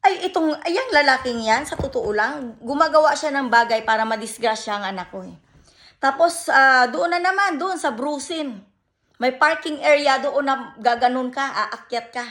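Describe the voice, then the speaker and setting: A woman's voice: high voice, lively intonation, normal speed, a bit bright. A middle-aged Filipina woman vlogging in a personal, pleading tone, switching between Tagalog and English with a Filipino accent and calling her viewers "guys". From Philippines. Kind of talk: emotional personal vlog talk.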